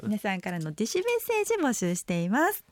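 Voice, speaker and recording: A woman's voice: medium pitch, sing-song, fast talker, no echo. A woman co-hosting a radio show, politely reading listener messages and reacting agreeably. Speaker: radio co-host. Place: radio studio. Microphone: studio microphone.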